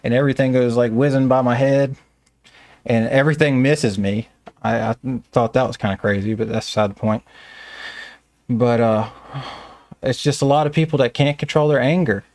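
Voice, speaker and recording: A man's voice: medium pitch, steady tone, moderate pace, long pauses, darkish tone, no echo. A man with a Southern American accent who runs a staffing business, telling stories in a casual, plainspoken interview.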